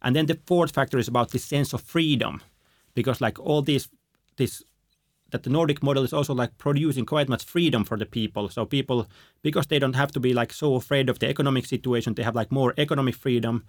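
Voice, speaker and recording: A man from Finland speaks as an interview guest, explaining findings in a halting way full of fillers and restarts. His voice sits at a middle pitch, and the recording is dry and close, with no room sound. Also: no room sound. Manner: hesitant, many fillers and restarts. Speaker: guest, happiness researcher. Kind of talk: conversational interview.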